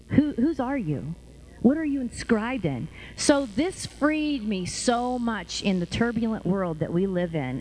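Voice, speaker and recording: A woman's voice: a little hiss or hum, rough recording. A woman preaching a sermon in a conversational style, acting out the voices of the people she quotes and often repeating and restarting her phrases. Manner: lively, acts out quoted voices with big pitch jumps.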